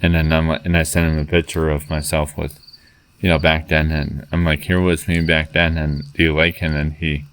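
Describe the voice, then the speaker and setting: A man with a very low voice tells a long personal story, stumbling through fillers and restarts. His delivery stays level and monotone. Faint crickets chirp in the background. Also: a little hiss or hum. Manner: halting, many fillers and restarts. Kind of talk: rambling personal story, reading out chat messages.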